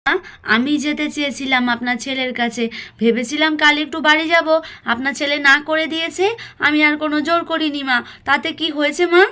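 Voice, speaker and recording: This is an aggrieved young wife in a cartoon, played by a woman. She speaks in a high voice and pours out her resentment. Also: steady tone, normal speed, bright, forceful tone. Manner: aggrieved, complaining.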